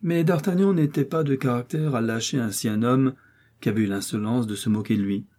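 Husky-voiced male audiobook narrator. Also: mid-range voice, a little fast, dark tone. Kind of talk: classic novel audiobook narration.

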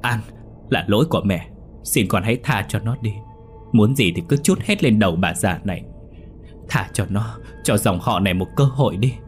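A man's voice: on the low side, expressive, moderate pace, faint music behind, natural voice. A man doing a weeping old mother. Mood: begging. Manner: crying, pleading.

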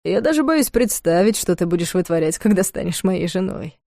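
A woman voicing a calm, self-possessed man, a devoted fiancé, speaking quietly, low and unhurried. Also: creaky, dry recording, studio quality.

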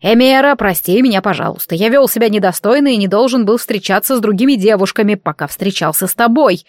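A woman's voice: medium pitch, expressive, moderate pace, no echo, clean studio sound, natural voice. A woman voicing a vain, middle-aged male warlock who grumbles and speaks with wounded pride. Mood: grumbling. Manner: grumbling and proud.

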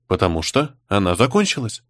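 A man reading the part of a composed young woman who answers an interrogation calmly and with pointed defiance. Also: on the low side, no echo, studio quality, voice pushed down. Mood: calm defiant. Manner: calm, measured, pointed.

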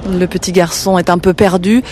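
A woman's voice: lowish voice, steady tone, a little fast, over a noisy crowd. Woman radio reporter reading a story. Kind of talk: scripted news report.

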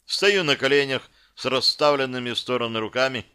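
A man's voice: mid-range voice, a little fast, sharp tone, clear, resonant tone. A man reading a first-person fantasy audiobook, with tense, terse inner monologue. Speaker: audiobook narrator.

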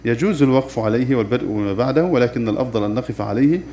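A man's voice: mid-range voice, dark tone, slight background noise. Man teaching Quran recitation rules. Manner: explains rules plainly, pauses with filler "aah", slows to chant quoted verses. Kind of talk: tajweed lesson with recited examples.

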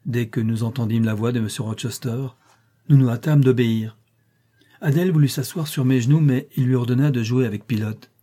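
A man reading a classic novel aloud as an audiobook in a measured, even way. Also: medium pitch. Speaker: audiobook reader. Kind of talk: scripted narration.

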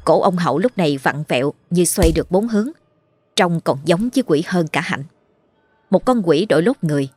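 A woman tells a horror story in a dramatic, scripted narration. Her voice is low and husky, and faint music plays behind her. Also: lively intonation, a little fast, a little mellow.

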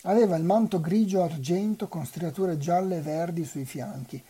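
A volunteer reader reading a novel aloud for a web radio reading marathon, in an unhurried, even way. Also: medium pitch, breathy edge.

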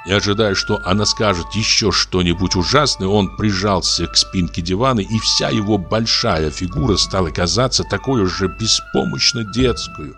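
A man narrating a literary story in a measured, expressive reading. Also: lowish voice, soft background music. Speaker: audiobook narrator.

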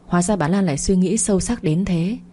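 Husky-voiced woman narrator. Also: on the low side, a little fast, warm tone. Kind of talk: audiobook story narration.

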